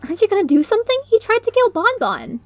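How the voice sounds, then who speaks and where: An excitable female storybook pony as a woman acts her out, pitched very high. She speaks in earnest exclamations, with music behind. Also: quick pace, no room sound, exaggerated voice. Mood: indignant. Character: excitable female pony, Lyra, gushing and indignant. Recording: music under the voice.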